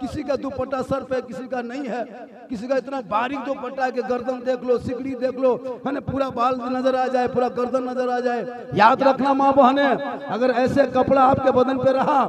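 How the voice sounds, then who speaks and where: A male preacher delivering an impassioned sermon, his voice rising to shouted calls. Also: extremely high pitch, flat delivery, moderate pace. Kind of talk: fiery religious sermon to a crowd. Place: outdoor gathering with a sound system. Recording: live crowd event over loudspeakers.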